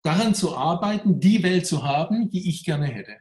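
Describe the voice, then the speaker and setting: A man's voice: fairly high pitch, animated, normal speed, a little mellow. Reflective man with a pressed voice. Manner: reflective, speaks of a strained, pressed voice. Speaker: coach and workshop speaker. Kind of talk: personal interview answers. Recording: roomy echo.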